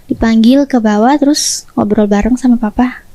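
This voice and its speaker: Young woman, Indonesian accent, highish mellow voice, dry close sound, personal story, acts out quotes. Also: normal speed, dry recording. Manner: acts out family members' lines in raised voices. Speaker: interview guest.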